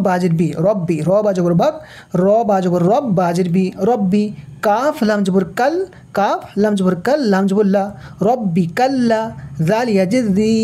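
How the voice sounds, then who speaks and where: Female Quran tutor, Bangladeshi Bengali accent, warm mellow tone, patient drill-style lesson with rhetorical questions. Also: mid-range voice. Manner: patient, repeats syllables slowly, asks and answers own questions. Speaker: Quran reading teacher. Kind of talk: step-by-step recitation lesson.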